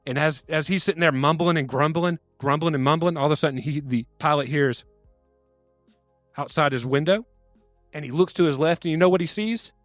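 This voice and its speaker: A man's voice: on the high side, brisk, no room sound, soft background music. A man telling long story jokes on a podcast, acting out the characters' lines as he goes.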